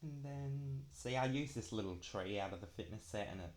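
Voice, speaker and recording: A man's voice: medium pitch, moderate pace, a little mellow. A young man chatting casually through a craft walkthrough, dragging out his s sounds. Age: young adult. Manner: drags out the s sounds. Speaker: craft planner vlogger.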